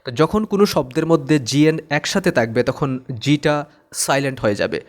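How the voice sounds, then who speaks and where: A man's voice: a little high, expressive, moderate pace. A man teaching English pronunciation, patiently repeating each word twice. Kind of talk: slow-paced pronunciation lesson.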